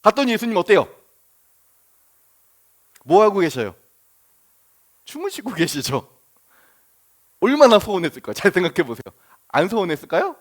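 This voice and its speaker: A man's voice: sits high, very animated, moderate pace, long pauses. A man, a pastor, preaching a sermon in a conversational way, asking the congregation questions and acting out the disciples' words.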